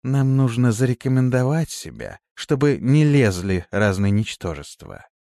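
A man's voice: medium pitch, very animated, unhurried, creaky, mellow, no echo, voice pushed up. A man voicing a cunning, seductive female colonist who moves between sweet servility and dry command. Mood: quiet, businesslike.

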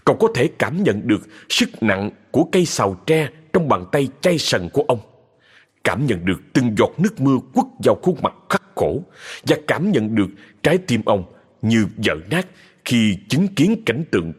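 A man narrating a sad ghost story in a slow, dramatic storytelling manner. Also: medium pitch, sing-song, breathy edge. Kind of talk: scripted horror story narration. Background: music.

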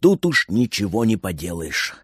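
A man's voice: on the low side, big pitch swings, normal speed, fairly bright tone, slightly rough, no echo, voice pushed down, exaggerated voice. A grumbling, scolding old grandmother, stern but kind at heart, voiced by a man reading a children's storybook. Her lines rise and fall a lot, and the recording is close and dry. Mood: resigned.

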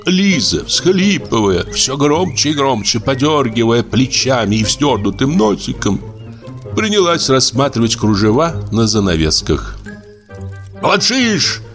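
A man narrating a literary audiobook with an expressive, lively reading. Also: medium pitch, unhurried, faint music behind.

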